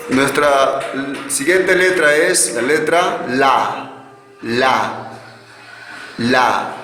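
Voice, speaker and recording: A man teaching a language class to children, slowly saying each letter and word and repeating it. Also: on the high side, fairly bright tone. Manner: slow, patient, repeats each sound twice. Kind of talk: slow classroom drill, repeating words for students. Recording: roomy echo with long reverb and faint hiss.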